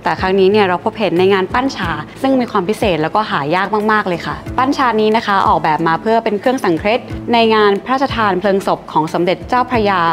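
A woman in her thirties presenting auction highlights in a polite, informative scripted manner, recorded in a gallery showroom with glass display cases. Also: fast talker, hardly any pauses. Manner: polite, informative, frequent soft sentence-final particles. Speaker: auction specialist. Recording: clear music bed behind voice.

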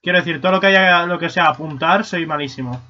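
A young man commenting casually on a video game stream, swearing and breaking into excited shouts. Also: fairly high pitch, fast. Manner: excitable, swearing, bursts into shouts and silly voices. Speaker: gaming streamer. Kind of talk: casual let's-play commentary. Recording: lo-fi stream mic audio.

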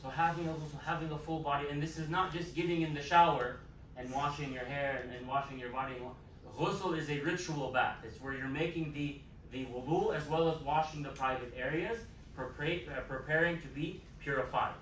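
A man's voice: fairly high pitch, fairly even intonation, brisk, a bit bright, slight background noise. A man giving a Friday sermon as imam in a mosque, emphatic and repeating his key phrases. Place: mosque prayer hall. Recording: echoey hall, mic far off.

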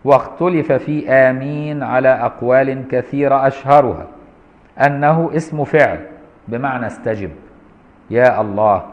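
A man's voice: medium pitch, normal speed. Egyptian man teaching in an echoey hall. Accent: Egyptian Arabic. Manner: colloquial and mocking asides between text readings. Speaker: Islamic law teacher. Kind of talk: classroom commentary on a law text. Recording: roomy lo-fi lecture hall recording.

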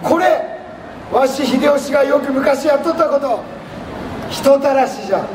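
A costumed history performer and host plays a jovial, folksy samurai warlord on a large indoor public event stage, giving a live history lesson in character. He projects theatrically to the audience in archaic lordly Japanese with a Nagoya accent, sounding grand, in an extremely high, unhurried voice. The recording is distant, in an echoey, noisy hall full of crowd sound.

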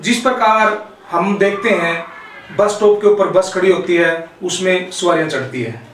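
A male school teacher giving a lesson to children, explaining slowly and patiently with everyday examples. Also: high voice, fairly bright tone. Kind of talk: classroom lesson. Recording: very echoey room, voice from far off.

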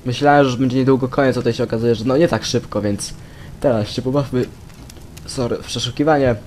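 A young man giving casual commentary over a stealth game he is playing, rambling to himself, swearing and sometimes bursting into loud shouts. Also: medium pitch, fairly even intonation, fast talker, slight background noise. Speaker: let's play gamer.

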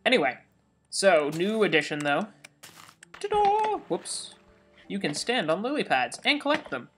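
A young man hosting a let's play, excitable and rambling, jittery from coffee and breaking into sudden high squeals. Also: normal speed, slight background noise. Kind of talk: casual gameplay commentary. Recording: game music playing loudly behind. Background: video game music.

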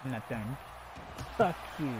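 A man co-hosting a casual let's-play, swearing loudly and chanting mock entrance music at the screen. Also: medium pitch, animated, a little slow. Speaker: gaming co-host. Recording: noisy game-audio background.

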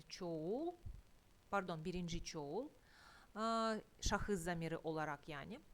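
Slow, careful woman teaching Russian. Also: mid-range voice. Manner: slow, deliberate, pronounces Russian words carefully and repeats them. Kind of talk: slow explanatory language lesson.

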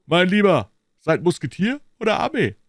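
A man reading aloud and voicing a boastful, self-satisfied male musketeer, loud and smug. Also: high voice, big pitch swings, normal speed, dry recording, clean studio sound, voice pushed up. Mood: lecturing.

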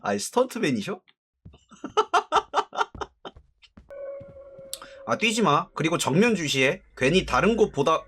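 Joking man with a lively voice. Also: high-pitched, slow, pauses often, slight background noise. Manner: jokey, chatty, talks to the game. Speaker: game streamer. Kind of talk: casual gameplay commentary.

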